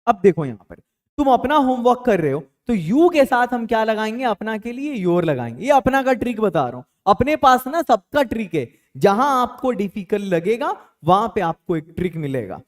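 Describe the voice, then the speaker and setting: Lively, high-pitched male English teacher. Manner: lively, repeats example sentences slowly; casual and playful teaching. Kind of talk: spoken English lesson in Hindi.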